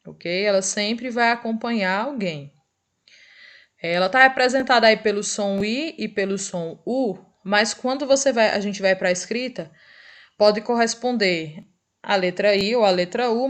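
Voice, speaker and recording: Brazilian woman, teacher, recorded review lesson; patient, checks in with tag questions, drags out example words. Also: mid-range voice. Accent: Brazilian Portuguese.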